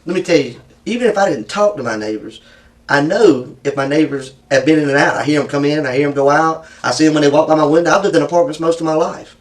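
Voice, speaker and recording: Speaking from far off the mic, a man with a Southern US accent talks fast in a fairly high voice. He plays a police interrogator, persistent, probing and folksy, who keeps repeating answers back as questions.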